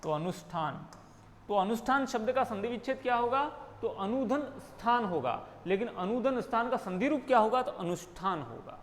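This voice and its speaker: A man's voice: high-pitched, lively intonation, moderate pace, big-room sound, a little hiss or hum. A man with a Rajasthani accent teaching a grammar lesson, explaining step by step and asking and answering his own questions.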